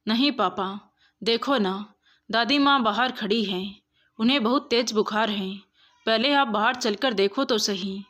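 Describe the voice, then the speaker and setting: A woman's voice: fairly high pitch, measured pace, a bit bright. Woman voicing a stubborn little boy. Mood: pleading. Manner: pleading, insistent. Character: small stubborn boy missing grandmother.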